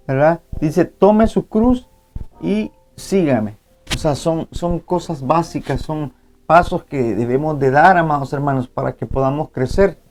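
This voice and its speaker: A male pastor delivering a church sermon in a fairly high voice. He reads Bible verses aloud and addresses the congregation as brothers. He peppers his speech with amén and ¿verdad?. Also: a little mellow. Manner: frequent interjected amén and ¿verdad?.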